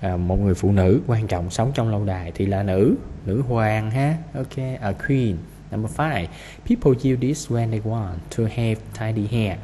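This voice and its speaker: A male English teacher, going through an exam practice lesson and repeating each word before explaining it briskly. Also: lowish voice, dark tone. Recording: reverberant room with faint noise.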